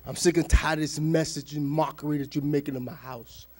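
A male preacher playing an angry, fed-up Jesus who scolds his people in a lower, quieter voice. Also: steady tone, a little fast, close to an everyday voice. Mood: angry, scolding.

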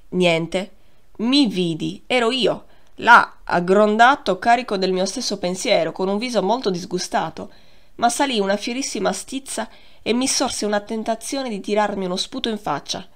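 A woman narrating a novel as an audiobook reader, in a measured, expressive reading that slows down on key phrases. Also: medium pitch. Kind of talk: scripted literary narration.

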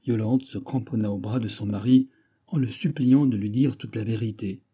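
A man narrating a short story for an audiobook in a measured, even storytelling manner with a husky voice. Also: on the low side. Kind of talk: scripted narration.

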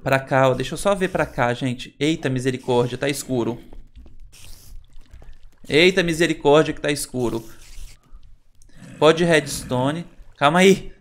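Jittery Brazilian gaming host. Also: male voice, a little high, a little slow, pauses often. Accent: Brazilian Portuguese. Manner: chatty, talks to viewers, nervous exclamations. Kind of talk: Minecraft let's play commentary.

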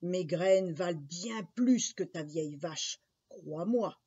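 A woman voicing a strange, sly old man who calls himself a magician, in a coaxing, drawn-out voice. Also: lowish voice, mellow, breathy edge, heavily acted. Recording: dull lo-fi recording.

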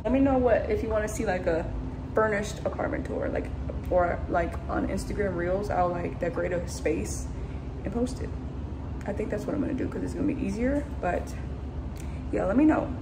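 Chatty young woman with a gravelly voice. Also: medium pitch, background noise. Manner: chatty, upbeat, lots of "like" and quick asides. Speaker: vlogger. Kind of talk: casual apartment tour vlog. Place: empty apartment, indoors. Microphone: phone camera held at arm's length.

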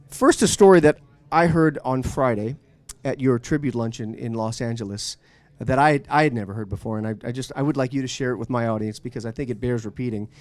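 A man's voice: mid-range voice, a little mellow, dry recording. Eager male radio host asking questions. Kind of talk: enthusiastic interview. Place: at a live event.

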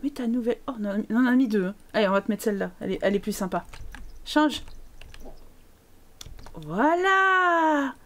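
A woman's voice: medium pitch, fast, a little mellow. A woman streaming a life-sim game live, chatting playfully to her characters and thanking viewers as she goes. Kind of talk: live gameplay commentary.

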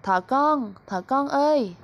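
A woman voicing a loud, calling mother rabbit. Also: high voice, expressive, unhurried, highs cut off, voice pushed up. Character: caring anxious mother rabbit. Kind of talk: children's storybook reading.

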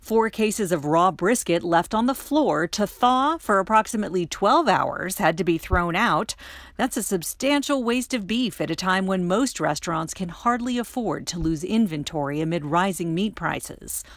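Middle-aged woman news reporter, scripted voice-over, crisp steady read, dry booth sound. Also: fairly low pitch, moderate pace, no echo. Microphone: studio voice-over mic.

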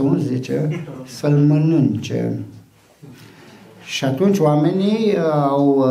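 A man's voice: on the high side, dark tone, echoey room. A man in his sixties hosting the event, telling anecdotes in a hesitant way full of fillers. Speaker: event host. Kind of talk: storytelling speech. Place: small hall with a banner backdrop. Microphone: mic on a stand.

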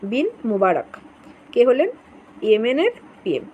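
Patient woman teacher, names repeated slowly. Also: fairly high pitch, sing-song, mellow, lo-fi sound, a little hiss or hum. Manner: explains patiently, repeats names, asks and answers own questions. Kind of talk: exam-prep current affairs lesson.

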